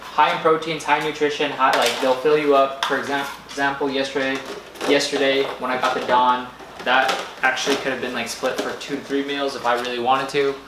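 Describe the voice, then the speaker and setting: A man's voice: medium pitch, level tone. Rambling man vlogging in an echoey room. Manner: rambling, halting, searches for words. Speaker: food vlogger. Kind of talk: casual vlog narration to camera. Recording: echoey room with faint background noise.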